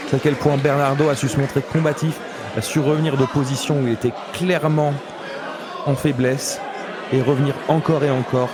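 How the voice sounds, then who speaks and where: A man giving analytical wrestling commentary in a measured, somewhat halting way with repeated words. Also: medium pitch, fairly even intonation. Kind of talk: analytical live sports commentary. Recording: loud music and crowd behind. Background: loud music, crowd at wrestling show.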